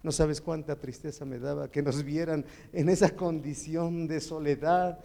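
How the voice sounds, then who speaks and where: A man's voice: a little high, fairly even intonation, normal speed, creaky, mellow. A man with a Mexican accent giving a heartfelt, tearful personal testimony in church.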